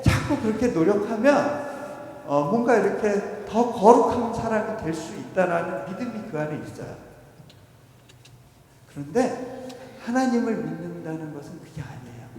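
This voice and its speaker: A man, a missionary, preaching a revival sermon and telling stories with acted quotes, swinging between loud and soft. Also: high-pitched. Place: church sanctuary. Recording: echoey church hall, faint noise.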